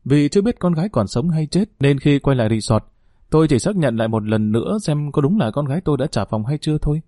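A shaken, earnest father who explains himself and apologizes, as a male narrator plays him. The voice is mellow and dark, with a close, dry sound. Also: on the high side, expressive, fast talker, no room sound, natural voice.

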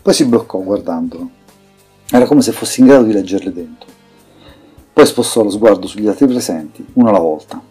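A man reading scripted fantasy narration in an even, measured way. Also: fairly low pitch, husky. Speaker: audiobook narrator. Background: faint music.

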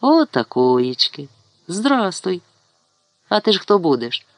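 A man voicing an older, warm-hearted village carpenter who talks in a folksy, exclamatory way, in a storybook reading. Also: high voice, very animated, voice pushed up, full character voice. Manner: exclamatory, folksy, drawn-out sighs.

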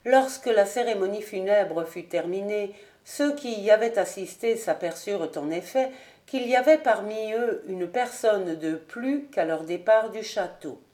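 A woman reading a classic novel as an audiobook, her voice at an ordinary middle pitch. She narrates steadily and evenly, in a plain, measured storytelling manner. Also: dark tone, echoey room. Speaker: audiobook reader.

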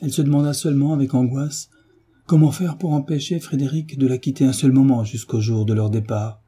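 A man narrating a classic novel as an audiobook, reading in a steady, dramatic storytelling manner. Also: medium pitch, a little fast, husky.

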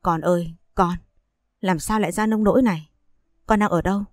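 A woman's voice: lowish voice, moderate pace, no echo, natural voice. A woman voicing an anxious older mother who implores her daughter through sobs. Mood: imploring. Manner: sobbing, imploring.

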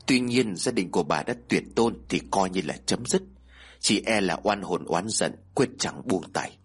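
A man putting on a deep, grave old monk. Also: lively intonation, breathy edge. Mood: solemn. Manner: slow, grave chanting delivery. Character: old male Buddhist monk, solemn and compassionate.

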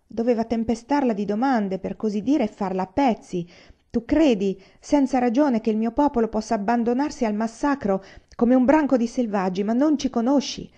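A woman's voice: on the high side, moderate pace, dark tone, pitched above the performer's own voice, natural voice. A woman reading a novel aloud and voicing an angry, accusing husband who argues in raised, insistent outbursts. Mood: heated. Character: angry, accusing Chinese husband, adult man. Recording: slightly dull lo-fi recording.

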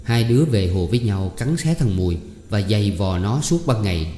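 A man reading a novel aloud as audiobook narration in a steady, even storytelling manner. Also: on the low side, a little fast. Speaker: audiobook reader. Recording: echoey room with long reverb.

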